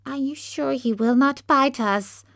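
A woman voicing a tiny, proud female mouse queen in a squeaky, high voice. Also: big pitch swings, a bit bright, no echo, clean studio sound, exaggerated voice. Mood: timid. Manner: high, slow and indignant.

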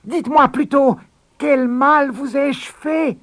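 A man's voice: high-pitched, animated, a little slow, creaky, darkish tone, husky, pitched above the performer's own voice, full character voice. A man voicing a poor, frightened fisherman who stammers and begs for mercy. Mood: pleading. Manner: stammering, begging.

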